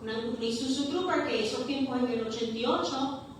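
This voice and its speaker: A woman's voice: high voice, background noise. A woman pastor preaching a passionate sermon, stretching out her key words. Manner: impassioned preaching, drawn-out stressed words. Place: church hall. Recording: echoey church hall heard from far off.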